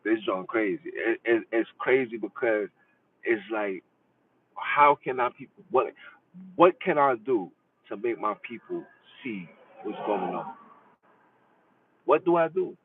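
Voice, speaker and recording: A man's voice: on the low side, animated, a little slow, long pauses. A man delivers a passionate, preachy podcast monologue, repeating his lines for emphasis. He sounds distant and tinny, like a phone recording, with a faint hiss underneath. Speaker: podcast host. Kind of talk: impassioned livestream monologue.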